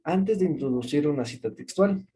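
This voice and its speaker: A man's voice: a little high, animated, moderate pace, warm tone, husky. A male teacher with an Ecuadorian Spanish accent, giving a recorded class lesson. He explains step by step and checks in with a rising "¿sí?".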